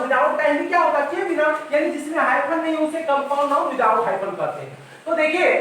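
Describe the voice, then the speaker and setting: A man's voice: very high-pitched, bright, forceful tone, a little hiss or hum. A male English teacher giving a grammar lesson, repeating points and asking questions that he answers himself. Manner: repetitive, asks questions and answers them himself. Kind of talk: classroom-style grammar lesson. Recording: very echoey room, mic at a distance.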